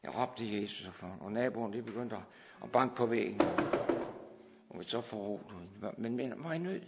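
A man preaching a sermon, moving between quiet explanation and loud, shouted proclamation. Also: fairly low pitch, long reverb tail, highs cut off, heavy background noise.

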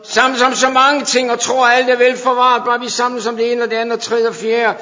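A man preaching a fervent sermon to his congregation, sometimes dropping to hushed intensity. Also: very high-pitched, level tone. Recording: dull sound in a long-reverb hall.

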